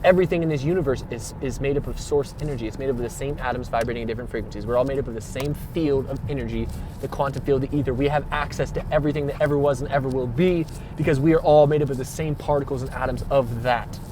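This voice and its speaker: Talking quickly in a mid-range voice with fairly even intonation, a man rants his way through a spiritual monologue. He's slangy and emphatic, swears a lot, repeats points and asks rhetorical questions, with background noise audible.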